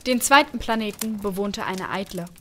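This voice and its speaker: A woman narrating a story calmly and gently. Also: medium pitch, moderate pace, slight background noise. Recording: music playing underneath.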